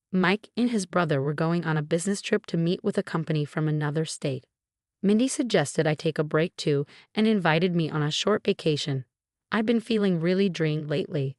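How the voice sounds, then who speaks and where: A woman reading a scripted first-person story in a calm, even storytelling manner. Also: sits low, dry recording, clean studio sound. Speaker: narrator.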